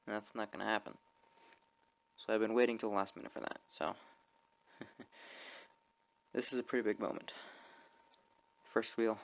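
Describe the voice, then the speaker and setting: A man narrating his hobby model build to a phone camera, excitable, laughing often and apologizing as he works. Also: fairly low pitch, creaky, low-quality recording. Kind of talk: casual hands-on vlog narration. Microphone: phone camera on a stand.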